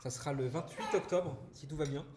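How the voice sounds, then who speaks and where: A man's voice: on the high side, brisk. A man hosting a casual live stream, chatting with viewers and reading their messages aloud, with many restarts and "voilà" fillers. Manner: chatty and warm toward chat, frequent restarts and "voilà". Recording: roomy echo with loud background noise.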